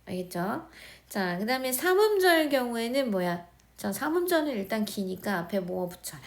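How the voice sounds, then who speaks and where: A woman's voice: fairly high pitch, very animated. A woman teaching English grammar in a recorded lesson, speaking with a Korean accent, explaining step by step and often checking that students follow. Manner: slow, explaining, repeating words and checking understanding.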